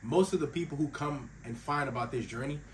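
A man's voice: medium pitch, fairly quick. Young man, emphatic motivational talk, slightly sick voice, mic a little distant, faint background hiss. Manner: earnest and emphatic, calls listeners bro and fellas. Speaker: faith-based self-improvement YouTuber. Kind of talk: casual motivational talk to camera.

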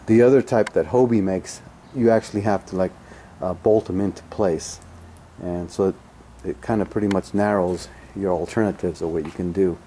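A man with a fairly low, mellow voice talks through a casual product review, stopping often for fillers and restarts. He gives blunt opinions. He is recorded outdoors on a camera mic, with faint ambient noise behind him. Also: steady tone, moderate pace. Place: outdoors on a home driveway.

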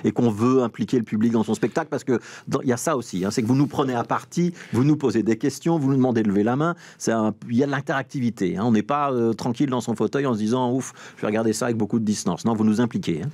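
A man's voice: medium pitch, fast talker, few pauses, a little mellow, no echo. A man, a TV culture interviewer asking questions in a conversational way.

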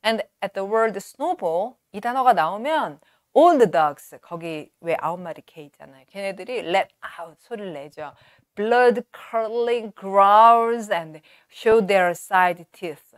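A woman in her forties teaching in a studio, reading passages slowly and clearly, then explaining in quick asides. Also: medium pitch, animated, no room sound. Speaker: English teacher. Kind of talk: lecture on a novel, reading lines aloud and explaining. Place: studio with a virtual backdrop. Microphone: lapel mic.

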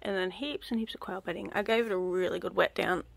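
A young woman with a gravelly, medium-pitched voice talks quickly as she vlogs about her backyard garden on a phone held close. Her manner is relaxed and rambling, packed with ums, and she slips into a whisper when up close.

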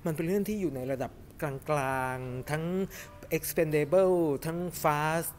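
A middle-aged man giving a casual, animated film review to camera in a cinema lobby, chatting with lots of fillers. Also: a little high, slow pace, slight background noise. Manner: chatty and animated, refers to himself by nickname, many fillers. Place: cinema lobby in front of a movie poster, indoors.

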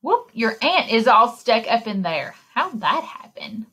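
Reading a picture book to young listeners and addressing them directly, this woman has a fairly high, slightly husky voice and an unhurried, very animated sing-song delivery packed with exclamations, much like a story time librarian. It's a screen share with webcam recorded in an indoor room.

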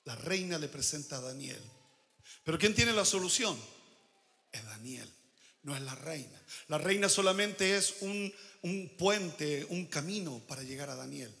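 A pastor preaching a sermon with emphatic declarations and quiet asides. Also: male voice, a little high, animated, unhurried, vocal fry, in a large hall.

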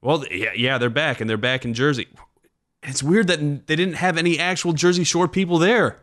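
A man's voice: on the high side, a little fast, fairly bright tone. A man hosting a podcast, rambling casually with self-deprecating asides, sounding tired. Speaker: podcast host. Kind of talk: casual chat.

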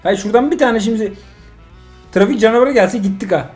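Over faint background music, a middle-aged father whose voice sits high talks a little fast as he plays a mobile driving game with his son. His remarks are casual and full of jokes, alternating between excitement and exasperation.

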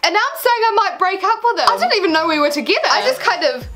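A woman's voice: extremely high pitch, big pitch swings, quick pace, loud music behind the voice. A teenage young woman reading her old diary aloud in a casual vlog, embarrassed and self-mocking, with theatrical emphasis on the read-out lines and dry commentary. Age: teens, about sixteen. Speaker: vlogger. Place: small bedroom, indoors.

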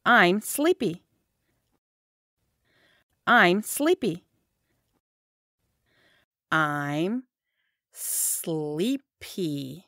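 A woman's voice: on the low side, sing-song, extremely slow, pauses often, sharp tone, no echo, studio quality. A woman teaching English phrases, saying each one whole, then word by word. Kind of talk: slow repeated phrase drilling.

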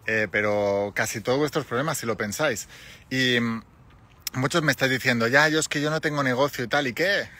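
A man in his forties with a Spanish accent, talking into a phone held at arm's length outdoors, enthusiastically pitching a money mentorship with many tag questions. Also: fairly quick, sharp tone. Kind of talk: selling a mentorship on a live stream. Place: outdoors on a hillside with sea views.

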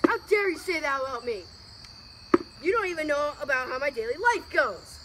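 A woman's voice: fairly high pitch, lively intonation, brisk, natural voice. A teenage girl acting as a nervous, defensive ancient Greek youth giving testimony in a school project drama. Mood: indignant. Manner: defensive, indignant. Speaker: student actor. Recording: noisy outdoor recording with crickets.

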